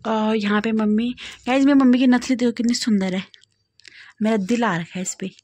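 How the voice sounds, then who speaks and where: A woman's voice: a little high, fairly even intonation, fairly quick, warm tone. A young woman with an Uttarakhand Hindi accent, vlogging in a playful, chatty way as she shows her wedding album and laughs often. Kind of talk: casual chat to camera.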